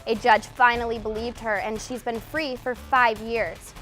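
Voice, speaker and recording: News anchor: American woman, higher register, formal scripted read, light music underneath. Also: level tone, a little slow, a bit bright, rough recording. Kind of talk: scripted television newscast reading.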